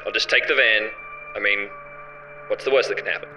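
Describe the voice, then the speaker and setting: A man's voice: fairly low pitch, steady tone, fairly quick, pushed and bright, soft background music. A man playing a laid-back lookout in a tabletop game, answering in a hesitant, understated way. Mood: subdued. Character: laid-back, low-key male lookout on a radio.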